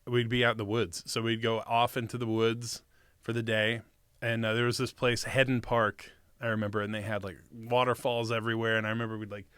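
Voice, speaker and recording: A man's voice: mid-range voice, little pitch movement, fairly quick, fairly bright tone, clear, resonant tone, no room sound, clean studio sound. A man in a casual interview, telling stories as the guest in a rambling, profane, slangy way. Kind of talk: casual chat, storytelling.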